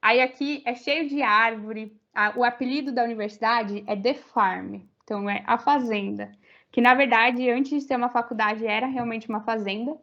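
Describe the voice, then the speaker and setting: Speaking at a moderate pace in a steady, fairly high voice that's a bit bright, a young Brazilian woman with a Brazilian Portuguese accent chats casually as a podcast guest. She's a university student, and she uses lots of fillers and rambling restarts. The recording has a slightly muffled quality.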